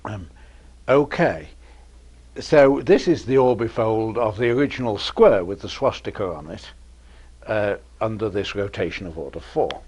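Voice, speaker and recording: A man giving an informal university math lecture, pausing often with ums and uhs and adding dry humor. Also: fairly low pitch, lively intonation, a little mellow, slightly rough. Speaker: mathematics professor lecturing. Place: lecture room with audience.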